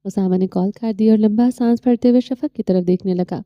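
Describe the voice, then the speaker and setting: A woman narrating an audio novel in a steady storytelling manner. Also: mid-range voice, dry recording, dull audio.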